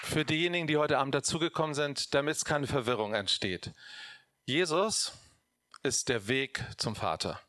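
A man preaching a sermon, addressing his audience directly in a lively way. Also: on the high side, no room sound, studio quality.

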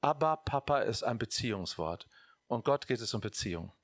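A man preaching a sermon, addressing his audience directly in a lively way. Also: mid-range voice, moderate pace, dry recording, studio quality.

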